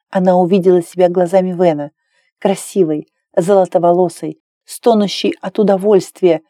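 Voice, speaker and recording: Mellow, low-voiced woman narrating an audiobook. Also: no room sound, studio quality. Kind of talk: scripted narration.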